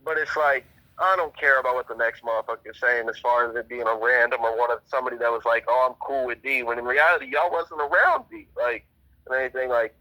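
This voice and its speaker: A man's voice: medium pitch, quick pace, bright, forceful tone, low-quality recording. A young man talking casually and profanely over the phone as a trial witness, rambling and quoting what others said to him.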